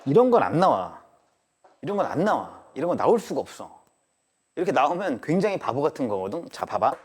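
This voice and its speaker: A man's voice: a little high, sing-song, fairly quick, darkish tone, slightly rough. A male math teacher giving a live classroom lecture, constantly checking in with his students.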